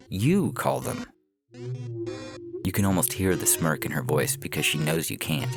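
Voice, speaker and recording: A man with a low, gravelly voice narrates a scripted science fiction story, much like an audio fiction podcast. Instrumental music plays behind him throughout.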